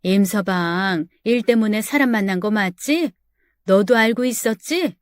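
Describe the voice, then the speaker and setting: A woman voicing a worried older mother who speaks slowly and softly. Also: medium pitch, no room sound, lightly acted. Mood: anxious.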